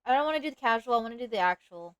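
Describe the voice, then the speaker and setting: A woman's voice: a little high, expressive, rapid-fire, a bit bright. A woman streaming live as a VTuber, chatting casually and playfully while she animates, with sudden dramatic outbursts.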